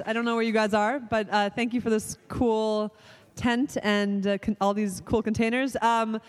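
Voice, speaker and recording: Woman host thanking everyone, halting and casual, echoey space. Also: mid-range voice. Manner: casual, halting, with many fillers. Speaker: event host. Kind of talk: closing remarks. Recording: echoey with long reverb.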